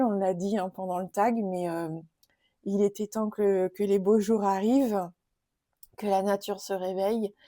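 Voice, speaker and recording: A woman presenting oracle and tarot cards in a casual video, chatty and gentle, with many fillers. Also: mid-range voice, dry recording, clean studio sound. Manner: gentle, enthusiastic about nature and cards. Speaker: tarot and oracle card youtuber. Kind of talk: casual card-showing tag video.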